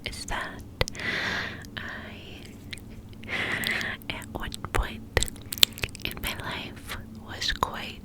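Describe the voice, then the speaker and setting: A woman hosting an ASMR ramble in a breathy, cupped-hand whisper, lingering on and repeating words. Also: extremely slow, long pauses, rough recording. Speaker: ASMR host.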